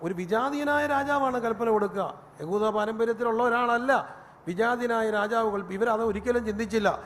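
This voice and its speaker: High-voiced preacher in a reverberant hall. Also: male voice, moderate pace. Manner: animated storytelling, rising to a shout. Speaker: pastor. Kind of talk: sermon. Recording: long reverb, faint room noise.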